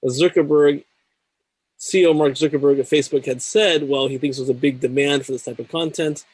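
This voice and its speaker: A male show host with a middle-pitched voice, reading through tech news in a measured way before he turns to his guest. The sound is close and dry, with no room around it. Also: fairly even intonation, a little mellow, slightly rough, no echo, rough recording. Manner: measured, reads news items then chats. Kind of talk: scripted news segment and interview.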